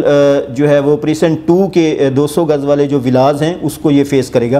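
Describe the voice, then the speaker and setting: A man in his forties with a Pakistani Urdu accent hosts a property channel from an office, explaining a project's rates to camera with frequent pauses. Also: a little high, slight background noise. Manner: hesitant, many filler sounds, steady explanatory tone; seated, gesturing with hands while reading notes. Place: indoor office with armchair. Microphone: lapel mic.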